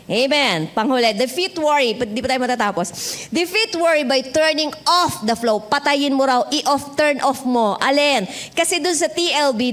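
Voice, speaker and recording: A woman's voice: sits high, fairly bright tone. A Filipino woman pastor preaching a sermon in a chatty, joking way, mixing Tagalog and English. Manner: conversational, switching between Tagalog and English, joking with the congregation. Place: church sanctuary.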